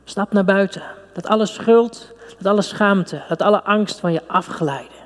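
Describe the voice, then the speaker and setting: A pastor delivering a fervent, intimate sermon and prayer with pauses. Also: male voice, high voice. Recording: long hall reverb.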